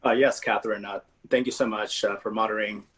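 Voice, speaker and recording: A man's voice: lowish voice, fairly even intonation, quick pace, fairly bright tone, husky. A man from California's Napa Valley, a winemaker on a virtual panel, speaking politely with many fillers.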